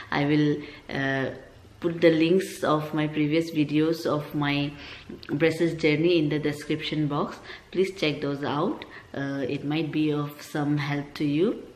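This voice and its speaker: Woman, lisp, slow hesitant speech, casual vlog talk, roomy echoey recording. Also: low-pitched, darkish tone. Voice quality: lisp from a dental appliance. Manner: halting, hesitant delivery. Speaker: vlogger.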